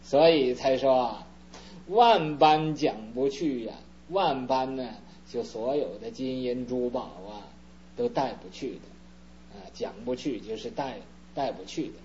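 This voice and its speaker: A man telling a parable in a sermon, unhurried and full of fillers, as a Buddhist preacher. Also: medium pitch, darkish tone. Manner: unhurried storytelling with many fillers. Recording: dull lo-fi recording with faint hum.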